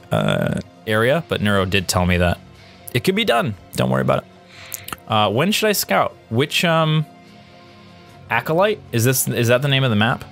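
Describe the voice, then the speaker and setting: Low-voiced man casually commentating his own replay. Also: fairly bright tone. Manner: thinks aloud, answers viewer questions. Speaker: gaming channel host.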